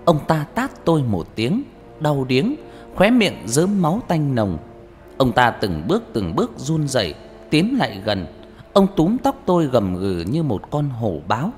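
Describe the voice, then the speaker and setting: A man narrating a horror story in an expressive, dramatic audiobook style, with reverb and background music. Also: mid-range voice, measured pace.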